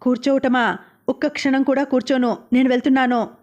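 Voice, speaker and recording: A woman's voice: sits high, steady tone, brisk, darkish tone, muffled recording, close to an everyday voice. Woman reading as an indignant, stubborn husband. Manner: aggrieved, complaining.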